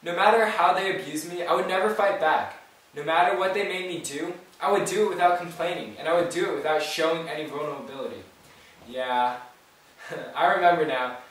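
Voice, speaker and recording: A man's voice: fairly high pitch, natural voice. A man playing a stoic war survivor, echoey. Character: stoic former prisoner of war recounting his ordeal. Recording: very echoey room from far off.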